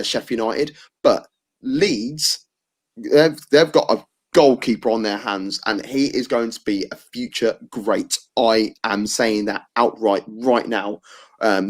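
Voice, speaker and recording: An Englishman hosting a football podcast, talking bluntly and at length. He hedges with plenty of ums and restarts, in an everyday mid-range voice. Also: medium pitch. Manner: blunt, opinionated, rambling with fillers. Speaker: podcast host. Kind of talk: casual football debate chat.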